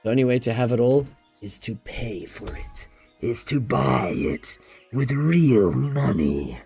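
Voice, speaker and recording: A man's voice: medium pitch, lively intonation, takes it slowly, dark tone, husky. A man streaming a game live, chatting casually with his viewers and calling them bro and dude. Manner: laid-back, says bro and dude, talks to chat. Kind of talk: casual live gaming chat. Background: game music.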